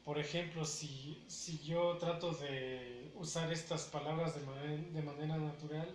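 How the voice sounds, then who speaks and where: A man teaching a language lesson, repeating each word slowly and breaking it into syllables. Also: a little high, steady tone. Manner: repeats words syllable by syllable, deliberate. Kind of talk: slow pronunciation lesson. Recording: echoey room with faint ambient noise.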